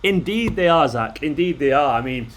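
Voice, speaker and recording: A man's voice: on the high side, moderate pace, slight background noise. Chatty man live-streaming late at night. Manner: excitable, chatty, jokey banter with viewers. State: tired. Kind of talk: casual live-stream chat reading viewer comments.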